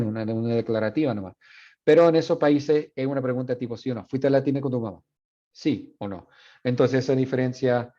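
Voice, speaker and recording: A male university instructor giving a classroom lecture, mixing Spanish with English and pausing often on fillers. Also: medium pitch, mellow, dull audio. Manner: switches between Spanish and English, halting with many fillers.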